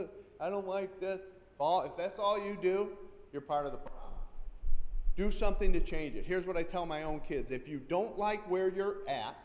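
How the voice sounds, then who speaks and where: A middle-aged man teaches a safety class in a big echoing hall with a long reverb tail. His voice sits a little high for a man, and he tells stories, acting out the people in them and breaking into loud, forceful lines. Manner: storytelling, acts out quotes, loud emphatic bursts. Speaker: safety trainer. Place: church hall.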